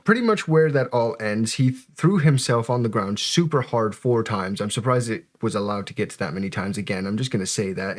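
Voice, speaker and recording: A man giving casual, joking and sweary commentary as he reacts to footage. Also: on the low side.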